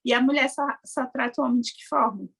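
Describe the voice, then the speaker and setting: A woman's voice: sits high, fast talker, gravelly, fairly bright tone, breathy edge. A woman in casual conversation, explaining animatedly and acting out quoted voices.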